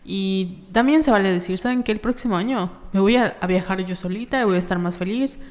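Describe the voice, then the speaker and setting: A woman's voice: mid-range voice, fairly quick, darkish tone, long reverb tail. A young Mexican woman co-hosting a podcast, telling stories in casual chat and acting out quoted voices. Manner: chatty storyteller, acts out quoted voices. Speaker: podcast co-host.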